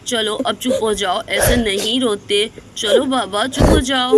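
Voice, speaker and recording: A woman's voice: on the high side, measured pace, very noisy, lightly acted. A woman voicing a soothing, doting young husband in a doll story. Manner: soothing, coaxing. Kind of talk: storybook voice acting for a doll video.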